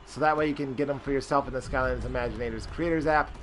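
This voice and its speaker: A man's voice: medium pitch, steady tone, very fast, fairly bright tone, a little hiss or hum. A man streaming a character-creation game, rambling with lots of fillers and greeting chat viewers. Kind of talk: casual live-stream commentary.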